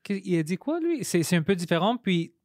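Higher-voiced podcast host, dry room. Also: male voice, big pitch swings, a little fast, no room sound. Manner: speaks French as a second language, loose and blunt. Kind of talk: casual podcast chat.

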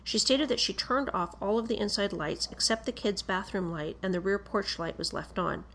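A woman reading a police interview report aloud in a formal, measured, matter-of-fact way. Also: mid-range voice, fairly bright tone, a little hiss or hum.

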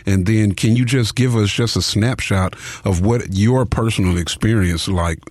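Low-voiced enthusiastic radio co-host. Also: male voice, moderate pace, a little mellow, dry recording. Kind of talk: radio interview.

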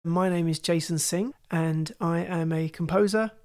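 A man who is a composer and sound artist, speaking in a relaxed, reflective interview with fillers like "you know". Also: a little high, measured pace.

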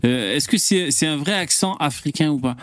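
A man's voice: fairly high pitch, animated, moderate pace, dry recording, clean studio sound, soft background music. A man hosting a casual live-stream chat, loose and profane, with lots of fillers. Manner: loose, swears often, trailing fillers. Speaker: host.

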